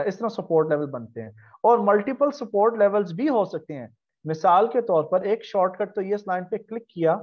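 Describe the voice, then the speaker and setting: Man, instructor, higher voice, answers his own questions, repeats terms in lists, dull lo-fi stream. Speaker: trading instructor. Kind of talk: live online class with screen-share.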